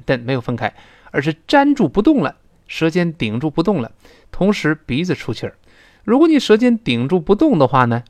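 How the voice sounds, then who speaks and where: On a fairly high voice with no echo, a man explains English pronunciation to listeners one step at a time. He draws out his example words slowly.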